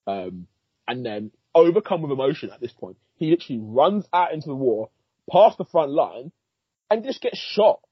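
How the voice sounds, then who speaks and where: A husky-voiced man rambles through a film recap in casual podcast chat, animated and swearing freely, laughing as he goes. The sound is dry and a little dull, like a lo-fi home recording. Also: medium pitch, normal speed, no echo. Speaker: podcast co-host, film critic.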